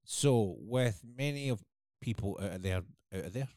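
A man co-hosting a casual chat show, relaxed and wry. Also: on the low side, moderate pace, dry recording, clean studio sound. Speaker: co-host.

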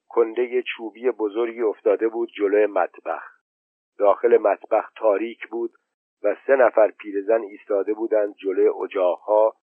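Low-voiced male audiobook narrator. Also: dry recording. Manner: steady, measured reading. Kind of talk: scripted story narration. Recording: dry tinny phone-like audio.

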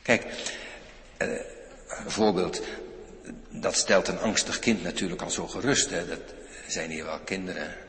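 A man preaching a sermon to his congregation, animated and direct, often turning to the listeners. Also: deep voice, unhurried, long pauses, a little hiss or hum. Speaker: pastor. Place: church. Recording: echoey church hall.

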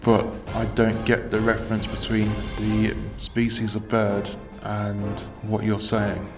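A man's voice: on the low side, monotone, slow pace. A man playing a dutiful, doubtful alien starship pilot in an audio drama, speaking formally and deferentially. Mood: puzzled. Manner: formal, literal-minded, deferential. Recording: loud music behind the voice. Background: music.

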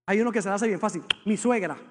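A man preaches from the pulpit, his voice set very high for a man. His words ring out with a long church-hall reverb. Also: fast talker, slight background noise. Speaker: pastor. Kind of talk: sermon. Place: church sanctuary with congregation.

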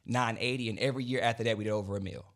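A man, a business-owner guest telling his story in a loose, relaxed interview manner. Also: medium pitch, rapid-fire.

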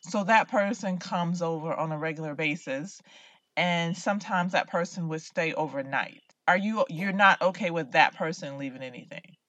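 A woman's voice: lowish voice, moderate pace, a bit bright, no echo. Teasing woman co-host, dry sound. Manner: probing, teasing questions. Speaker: podcast co-host. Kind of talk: casual opinion chat.

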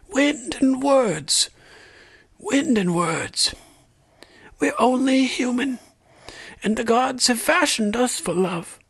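Ancient, wise fantasy maester: high, thin, breathy old voice, solemn, slow, sorrowful. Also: male voice, no echo, heavily acted. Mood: wistful, sorrowful. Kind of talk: audiobook-style character reading from a fantasy novel.

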